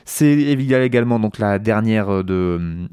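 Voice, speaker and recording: A man's voice: fairly low pitch, animated, normal speed, a little mellow, clear, resonant tone, no echo, clean studio sound. A man hosting a radio music show, talking casually with many hesitations and restarts.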